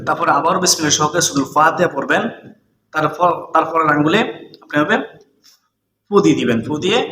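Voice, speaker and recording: A man giving spoken religious instruction, stepping slowly through a practice and speaking straight to the viewer. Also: on the high side, sharp tone. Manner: slow, drawn-out chanting of prayers, then plain explaining. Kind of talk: spoken religious instruction with chanted Arabic recitation. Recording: echoey room, faint ambient noise.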